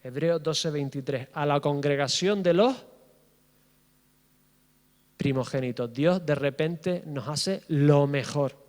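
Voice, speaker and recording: A man's voice: on the high side, takes it slowly, pauses often, darkish tone. A middle-aged man preaching a sermon as pastor, passionate and building with repetition. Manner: impassioned, rising in fervor with repetition. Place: church hall. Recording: reverberant church hall.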